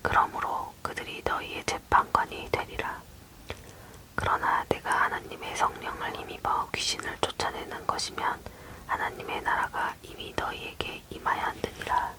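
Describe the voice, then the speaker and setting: Close breathy ASMR whisper, reading scripture. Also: normal speed. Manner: leaning in to whisper, unvoiced throughout. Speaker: Bible reader.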